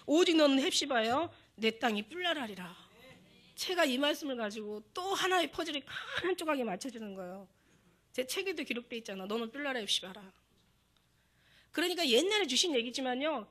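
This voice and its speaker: Middle-aged lady pastor, high voice, preaching all fired up, acts out prayers n god talking. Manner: emotional, animated preaching, acting out prayers and God's words. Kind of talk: sermon.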